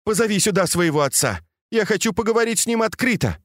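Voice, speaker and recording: A haughty, sharp-tongued noble lady lashes out with mocking questions, as a male audiobook reader puts her on. The voice sits high and tight, recorded dry and close. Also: big pitch swings, moderate pace, no room sound. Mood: furious scolding. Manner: scolding, biting, mocking questions. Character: proud, sharp-tongued noblewoman of a grand household. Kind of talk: audiobook reading.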